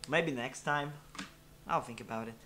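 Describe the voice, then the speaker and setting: A man's voice: mid-range voice, moderate pace, bright, forceful tone, faint music behind. A man streaming live, chatting casually in a rambling, self-deprecating way with many fillers.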